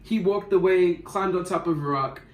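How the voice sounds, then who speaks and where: A young man tells a story in loose slang, rambling and animated. His voice sits a little high for a man. The recording has a roomy echo. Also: moderate pace. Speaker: vlogger. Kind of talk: casual storytime.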